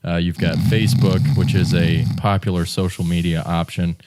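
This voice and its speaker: Young man, podcast co-host, low voice, deadpan teasing, casual banter. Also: moderate pace. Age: young adult.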